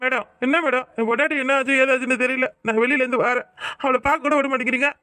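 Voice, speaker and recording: A woman's voice: high voice, fairly even intonation, fast talker, no echo. A woman voicing a distraught young husband in a cartoon who insists on seeing his wife, with a southern Tamil Nadu accent. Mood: indignant. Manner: shouting, insistent.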